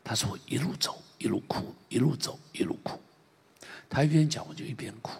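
Husky, gravelly male preacher in a hall. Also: on the high side. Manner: emotional retelling with many repeats and swings from loud to hushed. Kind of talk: sermon storytelling. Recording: long hall reverb.

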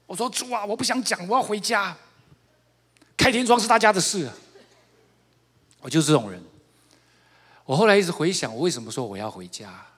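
A middle-aged man giving a personal testimony, telling his story with animated laughing asides and hushed, emotional confession. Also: mid-range voice, slightly rough, in a large hall. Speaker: church member giving testimony.

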